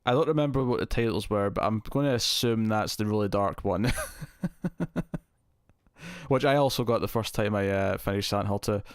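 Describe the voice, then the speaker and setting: A man with a fairly low voice hosts a casual live stream. He rambles easily as he answers viewers and thinks aloud. The sound is close and very dry, heavily compressed so that his level stays constant. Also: normal speed, pauses often, clean tone, dry recording. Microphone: close streaming mic with compressor.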